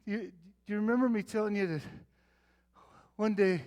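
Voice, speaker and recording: A man's voice: high-pitched, moderate pace, darkish tone, natural voice. Abraham, a man playing a weary old patriarch. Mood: earnest storytelling. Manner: theatrical monologue, calling out, then tender and confiding. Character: aging male patriarch Abraham, weary and devoted father. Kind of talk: dramatic Bible-character monologue.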